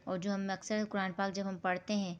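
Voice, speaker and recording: A woman's voice: medium pitch, little pitch movement, slight background noise. A woman teaching a Quran recitation lesson. She explains each reading rule step by step, patiently and plainly. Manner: patient, explains each rule, then reads the letters slowly and drawn out. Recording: dull lo-fi recording.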